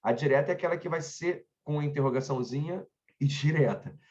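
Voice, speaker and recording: A man's voice: on the high side, a little fast, a little mellow, dull audio. A man with a Brazilian Portuguese accent, teaching an online grammar lesson in a conversational way, often stopping to check in with his students and drifting into chatty personal asides.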